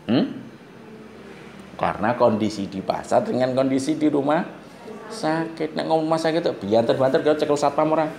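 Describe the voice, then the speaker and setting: A man with a Javanese accent teaching a class, joking and quizzing his students with quick questions. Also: fairly high pitch, gravelly, darkish tone. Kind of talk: classroom lecture. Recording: roomy classroom echo, faint noise.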